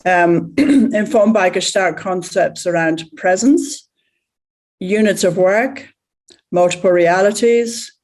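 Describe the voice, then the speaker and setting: Deliberate woman. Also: on the low side, darkish tone. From Northern Ireland. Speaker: Gestalt practitioner and facilitator. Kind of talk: prepared video message.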